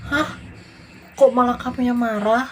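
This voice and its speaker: A woman's voice: fairly high pitch, fairly even intonation, measured pace, slight background noise, voice pushed up, natural voice. A woman voicing a pleading, hurt young wife. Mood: pleading upset. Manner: pleading, upset. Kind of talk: reading game dialogue aloud.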